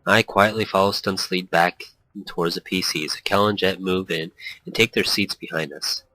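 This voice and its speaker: In a rough, dry recording, a deep-voiced let's play host casually reads through a visual novel, delivering quoted character lines and jokey commentary. He speaks at a moderate pace with fairly even intonation and a pushed, bright sound, laughing often and tripping over words before fixing them.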